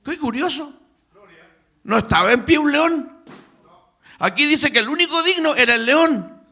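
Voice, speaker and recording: A man's voice: extremely high pitch, animated, a little slow, sharp tone. A man preaching a sermon in a church, asking rhetorical questions and building to emphatic passages. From Chile. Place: church sanctuary.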